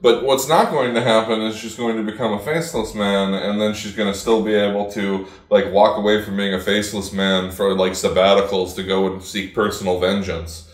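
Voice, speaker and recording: A man's voice: on the low side, steady tone, a little fast, few pauses. A man co-hosting a TV review podcast, talking casually and rambling with lots of fillers. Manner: rambling, hesitant with many fillers. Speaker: podcast co-host. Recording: echoey room.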